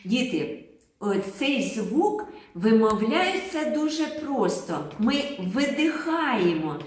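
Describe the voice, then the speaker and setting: A woman teaching a phonics lesson to small children, drawing out the sounds in a slow singsong way. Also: on the high side, very animated. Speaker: kindergarten teacher. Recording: very echoey room.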